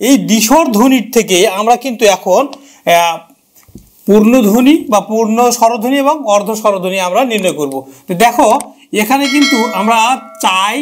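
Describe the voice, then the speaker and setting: Man with a high voice, teaching grammar, repeats terms, asks and answers himself. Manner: repeats key terms, asks and answers his own questions. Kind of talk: grammar lesson.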